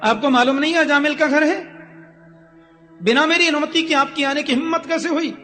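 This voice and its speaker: A man playing a short-tempered bandit who shouts and bullies. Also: sits high, fairly even intonation, slow pace, faint music behind. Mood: angry. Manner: shouting, domineering.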